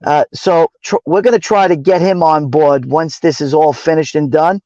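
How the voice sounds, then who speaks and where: A man's voice: a little high, moderate pace, mellow, dry recording, lo-fi sound. A man from New York with a Brooklyn accent, chatting casually and earnestly as a livestream co-host, repeating phrases for emphasis. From New York City, raised in Brooklyn. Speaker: livestream moderator and cameraman co-host.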